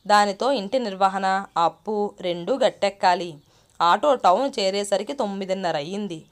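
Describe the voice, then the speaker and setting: A woman storyteller reading a scripted story in a steady, measured way. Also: medium pitch.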